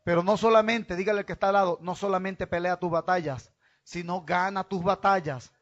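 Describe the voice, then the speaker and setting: A man's voice: high-pitched, steady tone, a little fast. A male pastor preaching a sermon, repeating phrases and calling on the congregation to answer him. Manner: repetitive call-and-response preaching. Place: church. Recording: dull lo-fi church recording with faint music.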